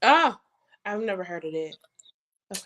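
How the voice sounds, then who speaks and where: Lively-voiced woman guest from New Orleans. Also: mid-range voice, normal speed. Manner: hesitant, laughs easily. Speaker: podcast guest, author. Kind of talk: casual podcast chat.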